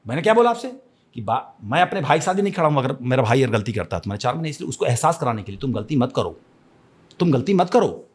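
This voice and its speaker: A man's voice: medium pitch, very animated, fast talker, breathy edge. A man from Chhattisgarh giving a podcast interview, speaking in an impassioned, declamatory way, repeating phrases and restarting often. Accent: Chhattisgarh Hindi. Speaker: interview guest.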